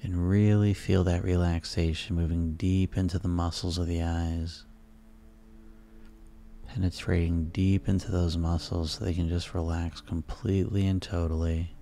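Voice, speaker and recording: Very deep, soothing male sleep hypnosis guide. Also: flat delivery. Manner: soft, soothing, unhurried delivery with pauses. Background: relaxation music.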